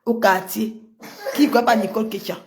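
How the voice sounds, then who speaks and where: A woman's voice: fairly even intonation, fairly quick, a little hiss or hum. Taunting woman. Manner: confrontational, taunting, swings between loud outbursts and low mutters. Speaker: social media personality. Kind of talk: heated livestream rant.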